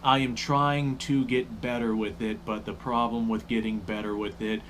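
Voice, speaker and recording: A man's voice: medium pitch, level tone, moderate pace, a bit bright, a little hiss or hum. A man talking casually to camera, with upspeak that rises at line ends and rambling restarts, with the hiccups. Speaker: YouTube creator.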